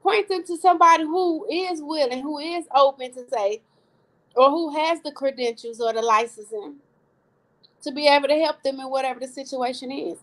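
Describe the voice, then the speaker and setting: A woman's voice: sits high, moderate pace, a bit bright, poor audio. A woman co-hosting a live online talk show, speaking earnestly and repeating phrases for emphasis. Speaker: co-host. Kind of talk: casual live-stream talk.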